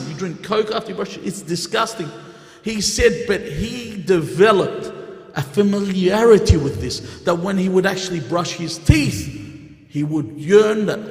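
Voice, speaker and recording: Conversational man preaching in an echoey hall. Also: high-pitched. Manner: conversational, asks the audience questions. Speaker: speaker giving a religious talk. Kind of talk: sermon. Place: mosque hall. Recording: echoey hall, long reverb.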